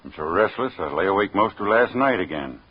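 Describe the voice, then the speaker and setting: An American actor playing a plain-spoken, anxious shipyard worker in a 1940s radio commercial, with a husky voice. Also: male voice, sits low, expressive, a little fast. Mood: weary, worried. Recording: muffled 1940s radio recording.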